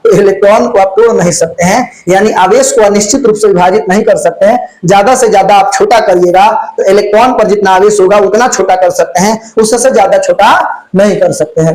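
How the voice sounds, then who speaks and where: A man's voice: sits high, darkish tone, low-quality recording. A man teaching a physics exam-prep lesson, folksy and chatty, asking questions and answering them himself. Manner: folksy, asks and answers his own questions. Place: classroom with lights on, insects flying around.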